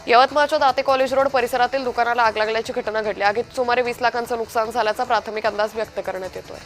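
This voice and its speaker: Brief: woman news anchor, rapid headline bulletin, raised pitch, faint music bed. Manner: brisk, even headline delivery. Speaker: news reader. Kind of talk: fast news bulletin reading.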